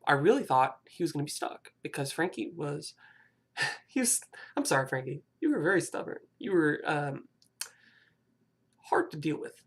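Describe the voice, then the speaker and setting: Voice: mid-range voice, big pitch swings, normal speed, long pauses, husky. A young adult of about twenty vlogging a rambling, hesitant personal confession, often apologizing and restarting sentences.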